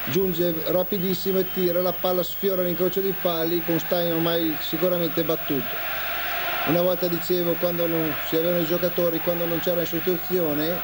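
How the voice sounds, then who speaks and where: Higher-pitched, even-toned male football analyst. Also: fairly quick. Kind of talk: analytical live TV football commentary. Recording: noisy old TV broadcast audio.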